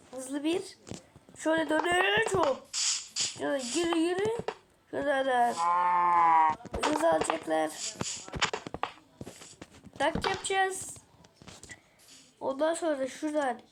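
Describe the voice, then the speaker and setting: A high, creaky, female-sounding voice comments casually on a game for viewers. The talk is chatty and broken up by short interjections. The recording is very noisy, with clicks. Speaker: video creator addressing viewers. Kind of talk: casual gameplay commentary while building in a video game.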